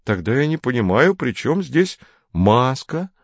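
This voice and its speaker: A man's voice: mid-range voice, very animated, a little slow, dry recording, dull audio, voice pushed up. A man doing a smug, needling clever teenage boy. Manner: sweetly mocking, self-satisfied.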